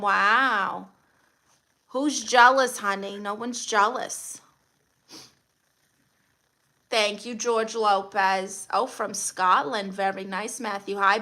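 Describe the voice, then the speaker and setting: Her voice pitched on the high side, pushed and bright, a Brooklyn, New York native hosts a laid-back livestream. She welcomes viewers and handles their comments with blunt, teasing sass, her accent unmistakably Brooklyn.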